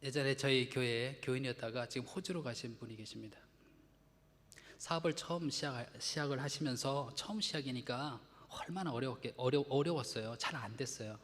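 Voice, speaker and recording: A man's voice: mid-range voice, brisk, fairly bright tone, long reverb tail. A man preaching a Sunday sermon, conversational, acting out little quotes and asking the congregation questions. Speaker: pastor. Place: church sanctuary.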